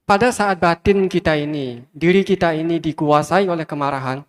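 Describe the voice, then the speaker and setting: A Buddhist monk with a voice on the high side gives a sermon at a moderate pace, repeating phrases emphatically and speaking straight to his listeners. He's in a large hall full of fans, and the recording carries long hall reverb.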